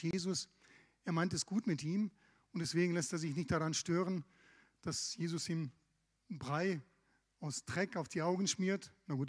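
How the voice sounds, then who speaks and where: A man's voice: a little high, breathy edge. Man preaching in a reverberant hall. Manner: conversational, lively retelling of scripture with asides. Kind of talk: sermon.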